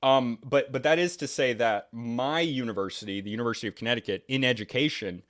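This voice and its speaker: A man's voice: medium pitch, fast talker, fairly bright tone. A young man from New England, talking in casual conversation as a podcast guest, rambling and opinionated with many restarts and fillers. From New England, United States.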